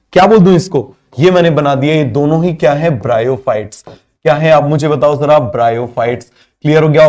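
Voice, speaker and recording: A man's voice: fairly high pitch, a little mellow. A male teacher giving a biology class, asking constant questions, having students repeat answers, and mixing English terms into Hindi.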